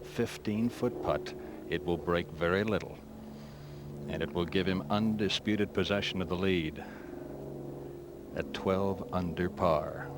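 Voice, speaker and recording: A man's voice: low-pitched, unhurried, long pauses. A man giving understated golf commentary in brief, spaced phrases on an old outdoor television broadcast. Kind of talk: live golf tournament commentary. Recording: noisy 1970s outdoor TV broadcast.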